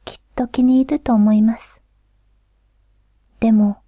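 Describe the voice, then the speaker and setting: A woman voicing a courteous mother who is secretly a bush warbler spirit, speaking in a soft formal whisper. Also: fairly high pitch, fairly even intonation, measured pace, no echo. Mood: polite.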